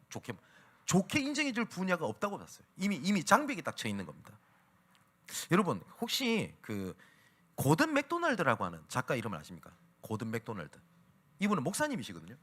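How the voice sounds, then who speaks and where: Animated male pastor preaching with sweeping pitch. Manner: animated preaching, acting out quoted speech. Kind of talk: Sunday sermon. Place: church worship service.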